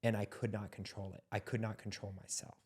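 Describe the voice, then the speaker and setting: A man's voice: lowish voice, little pitch movement, fairly quick, darkish tone, breathy edge. A young man co-hosting a podcast, speaking in an earnest, reflective way as he searches for his words in a candid conversation. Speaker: podcast co-host.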